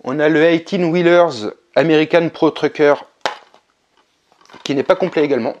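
Chatty man, slightly high voice. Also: normal speed, lo-fi sound, a little hiss or hum. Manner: relaxed, chatty, with hesitations. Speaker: video game collector vlogger. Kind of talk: casual vlog narration.

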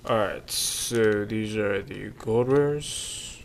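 A man's voice: on the low side, extremely slow, gravelly, slight background noise. A man doing laid-back, slangy unboxing commentary as a YouTube host, often muttering to himself. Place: carpeted room at home.

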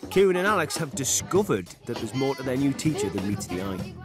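Brief: male narrator, teasing tone, animated delivery, music bed behind. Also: mid-range voice, fairly quick. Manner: wry, gently teasing. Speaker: documentary narrator. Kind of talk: scripted narration. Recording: voice-over under loud background music.

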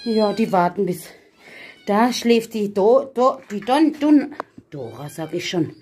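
A woman's voice: mid-range voice, expressive, takes it slowly, darkish tone, slight background noise. A woman from Germany vlogging outdoors in a hot village yard, chatting to viewers and coaxing her animals with pet names. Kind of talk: casual vlog talking to viewers and animals.

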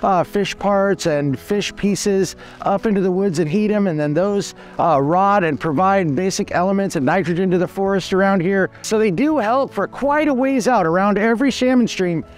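A man in his forties, a hatchery manager, gives an outdoor tour of a fish hatchery beside a creek. His voice sits high and moves at a moderate pace with few pauses, and faint music plays in the background. He comes across as earnest and matter-of-fact, often restarting his sentences as he explains.

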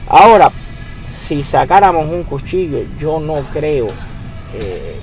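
A middle-aged man speaks as a martial arts instructor in a fairly high, earnest voice. He explains at length and often repeats a word while he thinks. Music plays clearly beneath his voice-over. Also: very animated, slow pace, a little mellow. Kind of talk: voice-over commentary. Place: in the United States.

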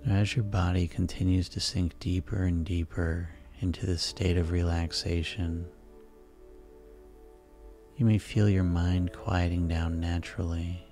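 Very deep, soothing male sleep hypnosis guide. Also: level tone. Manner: soft, soothing, unhurried delivery with pauses. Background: relaxation music.

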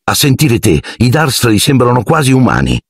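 A man reading an audiobook, voicing a polite, nervous boy wizard who speaks in an earnest, hushed, awkward way. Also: mid-range voice, sing-song, moderate pace, creaky, husky, no echo, studio quality, voice pushed up, heavily acted. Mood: urgent. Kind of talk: audiobook character voice.

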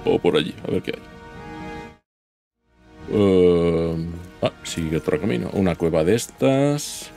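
A man with a low, gravelly voice narrates his own gameplay in a loose, chatty way, muttering to himself and breaking into sudden yelps. His pitch swings widely as he reacts to the game. Game music plays faintly behind him. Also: lively intonation, slow pace, long pauses, warm tone. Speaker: gaming YouTuber. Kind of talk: casual gameplay commentary.

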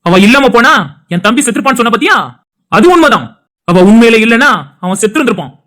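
A man's voice: very high voice, lively intonation, quick pace, pushed and bright, full character voice. A performer voicing an angry young man defending his family in a cartoon, confronting and accusing. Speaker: brother. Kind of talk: animated cartoon voice acting.

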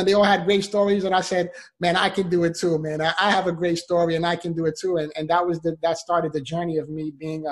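A man in his forties, a motivational speaker, earnestly telling his life story on a video call from his home office, with plenty of fillers. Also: a little high. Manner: earnest, conversational, with many fillers. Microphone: desktop condenser mic on a video call.

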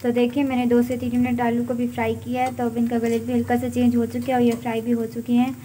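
Lady narrating her home cooking video, steady monotone, bit of hiss behind. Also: on the high side, fast. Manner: even, steady explaining. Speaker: cooking channel host. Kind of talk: step-by-step cooking voice-over. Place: home kitchen.

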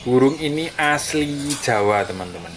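This bird-keeping vlogger has a medium-pitched, animated voice and a moderate pace. He films on his phone outdoors beside bird cages on paving, chatting and explaining in a friendly way, repeatedly saying "friends" with a dropping tail; clear background noise comes through the phone audio.

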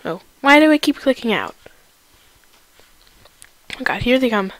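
A woman's voice: on the high side, a little slow, no echo, poor audio. Panicking woman gamer, dry close sound. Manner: panicking, excitable gamer, exclaiming in bursts. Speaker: gaming video host. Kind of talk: live gameplay commentary.

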